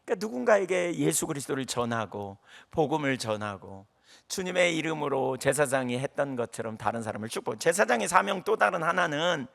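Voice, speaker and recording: A man's voice: on the high side, big pitch swings, a little fast, vocal fry, fairly bright tone. A middle-aged male pastor preaching a sermon, telling stories animatedly and acting out the voices of the people he counsels.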